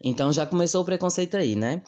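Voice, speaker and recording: A man's voice: on the high side, lively intonation, fast talker, a little mellow. A man, casually telling his story as a guest. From Mossoró, Brazil. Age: 20s. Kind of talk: personal testimony.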